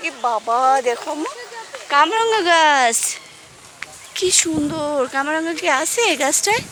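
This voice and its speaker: A woman, filming at a zoo and gently coaxing her small child while pointing things out. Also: high-pitched, big pitch swings, unhurried. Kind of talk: casual vlog narration. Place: outdoors at a zoo garden. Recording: noisy outdoor ambience.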